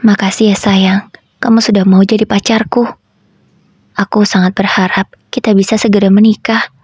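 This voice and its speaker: A woman voicing a young cheating husband who murmurs soft, coaxing words to his lover in a story reading. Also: medium pitch, flat delivery, normal speed, husky, dry recording, clean studio sound, lightly acted. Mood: tender.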